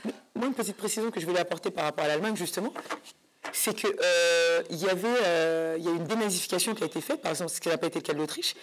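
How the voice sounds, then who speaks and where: A woman hosting a talk show interviews conversationally but hesitantly, searching for words and repeating phrases. Her voice is on the low side and very fast, with a little hiss or hum on the audio.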